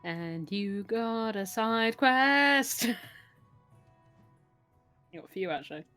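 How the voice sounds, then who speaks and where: A woman's voice: fairly high pitch, lively intonation, slow pace, pushed and bright, faint music behind. A woman co-hosting a game stream, giving casual commentary and sometimes reading text aloud. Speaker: stream co-host.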